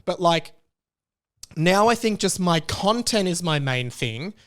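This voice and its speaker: On his own solo podcast, a man talks casually and candidly, rambling and often stopping to restart his sentences. His voice sits high, with lively intonation, a slow pace and a fairly bright tone.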